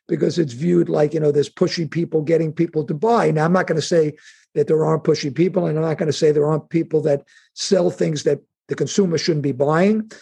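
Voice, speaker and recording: A middle-aged man with a New York accent, talking as an interview guest. His voice is gravelly and a touch husky, pitched somewhat high, and it keeps stumbling and restarting as he works toward each point. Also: steady tone, dark tone. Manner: halting restarts, conversational, acts out imagined speakers. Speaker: insurance and wealth planning executive, guest. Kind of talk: interview answers.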